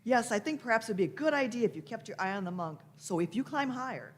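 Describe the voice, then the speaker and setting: A woman's voice: on the high side, animated, fast talker, close to an everyday voice. A woman playing an imperious, eccentric elderly time-traveller in a radio play, fussy and theatrical, repeating her phrases. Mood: fussy, musing. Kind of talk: live staged radio play.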